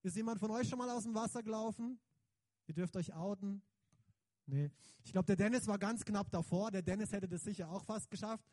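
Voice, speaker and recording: A man giving a lively, conversational sermon, emphatic and slangy, often turning to the audience with questions. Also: sits high, brisk, no room sound. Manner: emphatic, slangy, keeps asking the audience "right?". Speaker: preacher.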